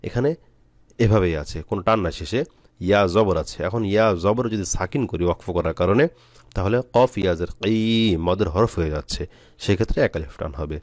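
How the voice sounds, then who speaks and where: A man from Bangladesh teaching Quran reading, spelling out letters and vowel marks one by one, then stretching out each recited word slowly. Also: low voice, darkish tone, no echo. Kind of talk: step-by-step recitation lesson.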